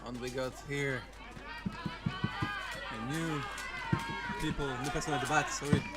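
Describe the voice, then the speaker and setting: A man adding color commentary in halting phrases, often stopping to correct himself. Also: a little high, huge pitch swings. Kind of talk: live sports commentary. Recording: live broadcast, heavy music and crowd noise, off-mic.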